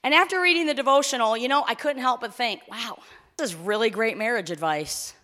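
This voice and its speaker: A woman in her forties, a pastor giving a conversational sermon in a church, turning excited when she announces news. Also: on the high side, fast talker. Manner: warm conversational preaching, rising to excited announcements. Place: church sanctuary. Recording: long hall reverb.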